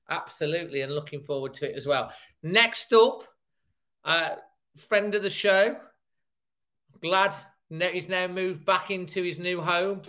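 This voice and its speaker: A man's voice: a little high, bright, forceful tone. A man hosting a casual fan chat show, friendly and chummy with his guests. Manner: chummy, calls guests mate.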